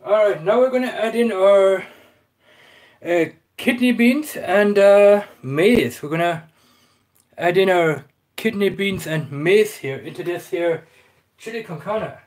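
His voice sits high and a little mellow as the slightly Irish-accented vlogger cooks slowly in his small home kitchen. He chats to viewers live, addressing them as "guys" and using plenty of fillers.

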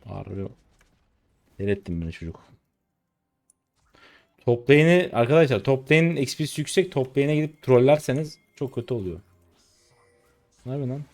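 A man's voice: medium pitch, animated, moderate pace, long pauses, darkish tone, faint music behind. A man in his twenties streaming a game live, ranting at his teammates in an irritated, cursing way. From Turkey. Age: 20s. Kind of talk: live gameplay commentary.

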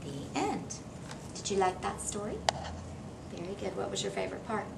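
Her mid-range voice is gravelly and sing-song at a normal speed as this middle-aged teacher reads a storybook to a kindergartener, encouraging and asking questions. They sit in a small indoor classroom reading corner. The camera capturing her is a few meters off, and the room is noisy.

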